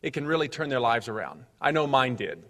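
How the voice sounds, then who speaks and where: A man's voice: mid-range voice, sing-song, brisk, a bit bright. A man giving a motivational speech to a live audience, upbeat and joking, drawing the crowd into call-and-response. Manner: upbeat, joking, gets the audience to repeat phrases. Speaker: motivational speaker. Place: large hall with an audience. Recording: long hall reverb.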